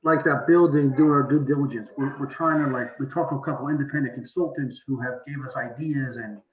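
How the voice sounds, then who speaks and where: A man's voice: medium pitch, steady tone, brisk. A man in a remote meeting explaining his committee's plans, stumbling over restarts, his sound cutting in and out. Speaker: parks and recreation committee member. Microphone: far from his microphone. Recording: echoey far-off lo-fi call audio with faint noise.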